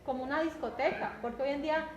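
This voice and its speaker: Una mujer con acento colombiano que predica un sermón en tono conversacional, repitiendo palabras y preguntando a menudo «¿cierto?». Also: female voice, high-pitched, fairly even intonation, quick pace, highs cut off. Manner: conversational, repeats words, often asks "¿cierto?". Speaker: preacher. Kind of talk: sermon. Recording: echoey room with faint background noise.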